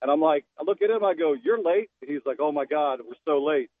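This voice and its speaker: A man's voice: on the high side, a little fast, no echo. Man on a tinny speakerphone line. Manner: relaxed storytelling, laughing. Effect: phone speaker call. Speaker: guest caller. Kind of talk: casual chat. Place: in a car on speakerphone. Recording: tinny phone line, dry.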